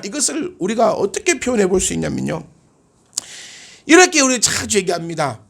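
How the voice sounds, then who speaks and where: Animated high-voiced Korean preacher. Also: male voice. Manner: animated, questions the congregation. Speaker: pastor. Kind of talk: sermon.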